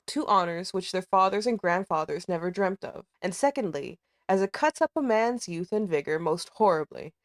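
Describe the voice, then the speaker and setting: A woman reading a storybook part as a proud, pompous, disdainful older gentleman. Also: mid-range voice, natural voice. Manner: pompous, formal.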